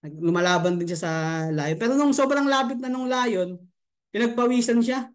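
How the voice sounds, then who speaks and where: A male marketing coach tells a story on a live stream. He is chatty and breaks into laughter often. His voice sits notably high. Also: lively intonation, normal speed.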